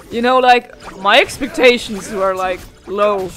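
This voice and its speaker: A woman's voice: mid-range voice, expressive, slow, fairly bright tone, soft background music, rough recording. Rambling young woman gamer. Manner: rambling, reactive. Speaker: gaming let's player. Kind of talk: casual playthrough commentary.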